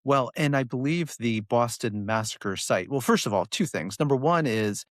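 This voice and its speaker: A man's voice: mid-range voice, lively intonation, moderate pace, no echo, clean studio sound. A man from Connecticut hosting a podcast interview, asking long questions that wander and correct themselves. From Connecticut, USA. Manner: rambling, self-correcting questions. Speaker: podcast host.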